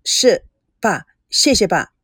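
A woman's voice: mid-range voice, animated, slow, a bit bright, breathy edge, dry recording, studio quality, exaggerated voice. A woman voicing a dutiful young man who stammers tense apologies to his father in a storybook reading. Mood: apologetic.

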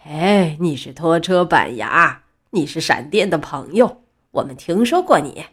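A rusty old male truck from a children's storybook, friendly and eager to meet a famous friend , as a woman drops her voice. He talks low and plain. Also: sing-song, measured pace, slightly rough, heavily acted.

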